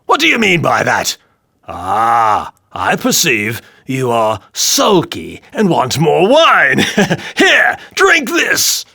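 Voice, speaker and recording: Bellowing male tyrant king, mocking laughter, bright forceful tone, a man puts him on. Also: mid-range voice, wildly swooping pitch, slow pace, creaky, breathy edge, no room sound, studio quality, full character voice. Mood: roaring, mocking.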